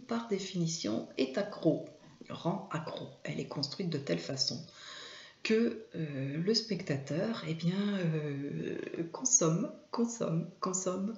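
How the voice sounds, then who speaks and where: Woman host, low voice, slow and hesitant, roomy echo, dull lo-fi sound. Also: darkish tone. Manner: hesitant, many filler sounds. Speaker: video host and image consultant. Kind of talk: informal talk to camera.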